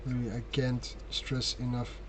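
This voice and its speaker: A man with a Flemish Belgian accent, a native Dutch speaker, chatting casually and haltingly in English as he paints on an amateur livestream. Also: mid-range voice, monotone. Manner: apologetic, halting, thinking aloud. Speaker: amateur hobby painting streamer. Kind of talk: casual chat while painting miniatures on a livestream. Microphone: sensitive stream mic picking up breathing. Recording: noisy amateur mic with audible breathing. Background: clear noise, brush sounds.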